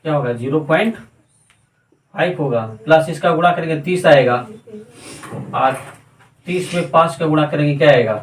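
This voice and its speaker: A male math teacher works through a problem step by step, counting digits aloud and asking himself questions that he answers at once. His voice sits a little high. The sound is roomy and echoing, with the mic some distance away. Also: normal speed, pauses often. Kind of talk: step-by-step classroom math lesson.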